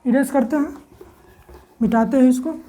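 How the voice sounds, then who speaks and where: Her voice sits high and has a warm tone as this woman teaches English pronunciation in a classroom-style lesson. She slowly spells words letter by letter and answers the questions she poses herself.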